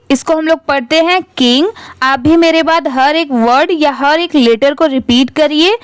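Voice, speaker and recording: High-voiced Indian woman teaching reading. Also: dry recording, studio quality. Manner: spells words letter by letter, then reads them slowly. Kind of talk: spelling-and-reading lesson.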